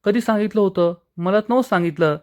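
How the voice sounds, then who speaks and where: A man's voice: high-pitched, fast, darkish tone, pitched above the performer's own voice, close to an everyday voice. A man voicing a nosy, forgetful young man who keeps questioning in a whiny, insistent way.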